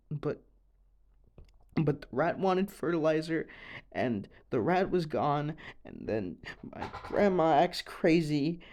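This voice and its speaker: In an audio roleplay confession, a man voices a distraught, grieving young man who stammers and trails off while haltingly relating an unbelievable story. His pitch sits fairly high, with a slightly mellow quality.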